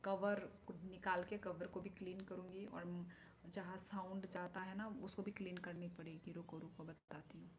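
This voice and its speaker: A woman chatting casually with viewers on a livestream through her phone mic, thinking aloud and slipping into soft whispered asides. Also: fairly low pitch, little pitch movement, moderate pace, slight background noise. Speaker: live streamer. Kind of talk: casual live-stream chat answering viewer comments. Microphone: phone microphone.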